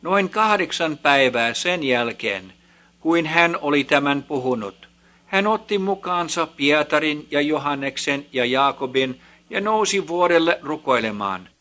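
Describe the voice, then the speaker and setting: Bright-voiced male scripture reader. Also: on the high side, lively intonation.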